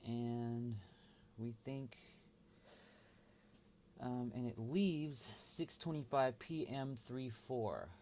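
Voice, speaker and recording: A man thinking aloud while he works, mumbling and halting as he talks to himself. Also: mid-range voice, mellow, a little hiss or hum. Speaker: video host.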